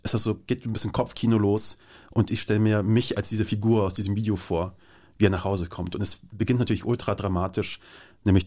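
Low-voiced man from Afghanistan, reflective. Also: dark tone, husky. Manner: enthusiastic, then thoughtful and reflective. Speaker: studio guest. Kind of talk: casual radio conversation.

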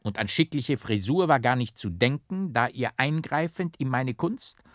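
A man's voice: medium pitch, animated, normal speed, no room sound, clean studio sound, pitched above the performer's own voice, close to an everyday voice. A man voicing a foolish, flamboyant barber who talks in flowery, mock-dramatic phrases in an audiobook. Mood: grandiloquent. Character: foolish, flamboyant male barber, theatrical and whimsical. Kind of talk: audiobook character voice.

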